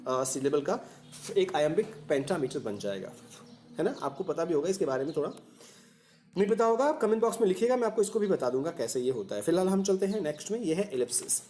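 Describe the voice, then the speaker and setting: A male teacher walks through an exam lesson, his pitch swinging up and down animatedly. He explains patiently, often pausing to check that the listener follows. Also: sing-song, warm tone, a little hiss or hum.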